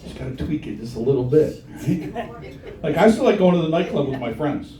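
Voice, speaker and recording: A man's voice: fairly high pitch, expressive, fairly quick, dark tone. A middle-aged man doing a crude, punchy stand-up comedy set and bantering with the crowd in a comedy bar. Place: comedy bar with a live audience. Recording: roomy live club sound from a distance. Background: audience laughing.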